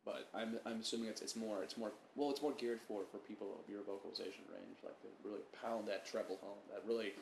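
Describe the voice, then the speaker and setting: A young man co-hosting a casual podcast rambles through banter, swearing and stammering into frequent restarts. His lowish voice has vocal fry and fairly even intonation, moving quickly with few pauses, in an echoey room with faint noise.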